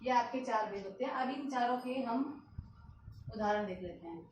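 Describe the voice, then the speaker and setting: A woman's voice: fairly high pitch, normal speed, a little mellow, slight background noise. A woman teaching a grammar lesson, explaining step by step, repeating examples and answering her own questions. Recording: echoey room, distant mic.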